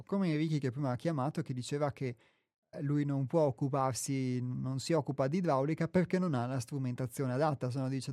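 An Italian man speaks in a calm, explanatory way, often circling back and restarting his phrases as he reads and comments. His voice is mellow and somewhat dark, recorded close and dry with no room sound. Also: medium pitch, no room sound. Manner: measured, explanatory, with frequent restarts and fillers. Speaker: host reading and commenting a spiritual text. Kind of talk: reflective radio talk with reading.

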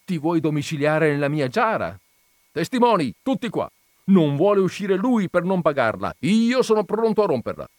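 An irascible old landowner bellows and protests in a high, strained voice, as a man reads him. The voice swings up and down with indignation. The sound is close and dry. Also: lively intonation, normal speed, no room sound, lightly acted. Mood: shouting angrily. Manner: loud, indignant, high-pitched outbursts. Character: irascible rich old male landowner, shouting.

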